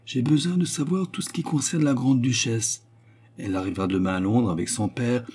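A man voicing a domineering male conspiracy chief who talks gruffly and sneers, in an audiobook reading. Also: mid-range voice, a little fast, a little mellow, pitched above the performer's own voice, lightly acted. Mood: scheming.

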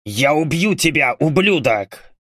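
A man shouting as a furious berserker. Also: mid-range voice, expressive, a little slow, no echo, studio quality. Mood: raging. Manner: shouting, threatening. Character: furious raging male berserker, bound.

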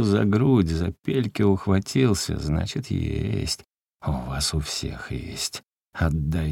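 A man reading a story aloud, voicing a drunk peasant man who wails, weeps and threatens in a slow, drawn-out way. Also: sits low, creaky, dry recording, studio quality, exaggerated voice. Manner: wailing, shouting, drawn-out. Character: drunk, grief-crazed peasant man, weeping and menacing.

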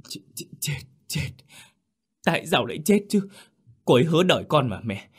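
A man's voice: sits low, normal speed. A man voicing a young man who is frantic and heartbroken, pleading and crying out in an audio story. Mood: anguished. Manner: pleading, rising to anguished shouts.

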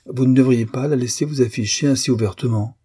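A man reading an audiobook, voicing a worldly, ironic princess who coaxes and gently mocks a young artist. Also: mid-range voice, a little fast, husky, voice pushed up. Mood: teasing.

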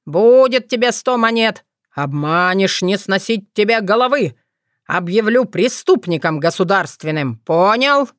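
A woman's voice: medium pitch, expressive, measured pace, no room sound, studio quality, close to an everyday voice. A woman doing a blustering, stingy old tsar. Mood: threatening. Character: petty fussy old male tsar.

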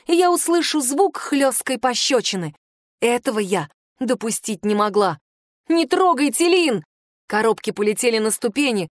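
A woman narrating first-person fiction in an expressive, dramatic audiobook reading. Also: a little high, no echo, clean studio sound.

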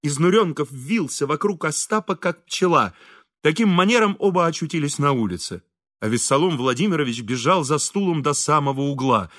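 A man narrating an audiobook in an expressive storytelling manner. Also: a little high, fairly quick, no room sound, studio quality. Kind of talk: scripted narration.

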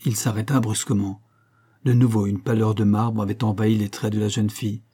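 A man reading a classic adventure novel aloud, with measured, dramatic storytelling. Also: lowish voice, flat delivery, dark tone, breathy edge. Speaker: audiobook reader. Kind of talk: literary audiobook narration.

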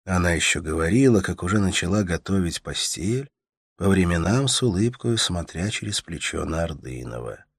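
A man reads literary prose in a calm, measured, subdued narration. His voice sits deep and husky, recorded close and dry with no room sound. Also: dry recording. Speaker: audiobook narrator.

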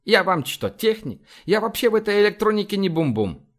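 A man's voice: high-pitched, big pitch swings, brisk, pitched above the performer's own voice. A whiny, grumbling ship technician, as a male audiobook reader puts him on, raised noticeably above the reader's own voice. He sounds put-upon and complains at every request in this science-fiction audiobook. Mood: grumbling, offended.

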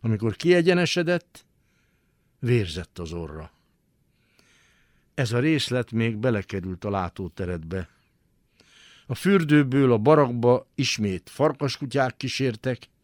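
A male narrator reads a literary story aloud with dramatic, expressive storytelling. His pitch moves in wide, lively swings. The voice sounds close and dry, as in a radio studio. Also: pauses often, no room sound.

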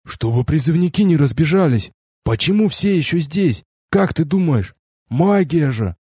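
A male narrator plays a nervous young conscript who keeps pressing his point in quick bursts. The voice sits a little higher than the reader's own, with a dark, husky tone. It is recorded dry and close, with no room around it. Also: lively intonation, no room sound. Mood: insistent. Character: jittery young male army conscript, pleading. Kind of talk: audiobook character voice.

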